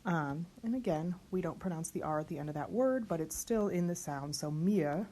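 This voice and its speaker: A woman teaching lyric diction, slowly spelling out letters and sounds one by one. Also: lowish voice, lively intonation, warm tone. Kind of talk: online diction lesson.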